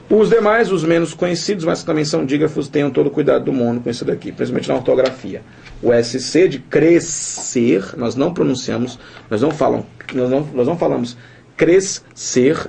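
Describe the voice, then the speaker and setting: Animated Brazilian man teaching a lesson. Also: fairly high pitch, creaky, slightly rough. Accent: Brazilian Portuguese. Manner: animated, quizzes the viewer with tag questions. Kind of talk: recorded lesson.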